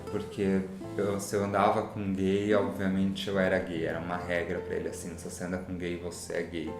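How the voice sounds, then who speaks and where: A man's voice: deep voice, roomy sound. A man, reflectively telling his personal story. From São Paulo, Brazil. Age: 20s. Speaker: interviewee. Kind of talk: personal testimony.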